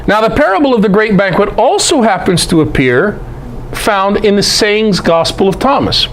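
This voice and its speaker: In a high, somewhat bright voice with big pitch swings at normal speed, a presenter and Bible teacher gives an animated talk on scripture scholarship. His emphatic, conversational style includes rhetorical questions and folksy asides, though the audio is poor with slight background noise.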